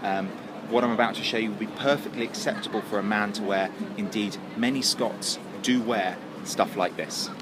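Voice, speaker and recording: Deadpan man in outdoor street noise. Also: fairly low pitch, moderate pace. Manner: deadpan, mock-serious. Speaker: comic presenter. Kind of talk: mock travel report.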